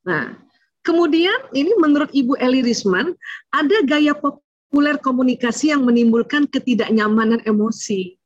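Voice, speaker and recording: A woman's voice: high voice, expressive, moderate pace, dry recording, lo-fi sound. A woman giving a chatty online talk on parenting to mothers, speaking to them directly and acting out what parents and children say.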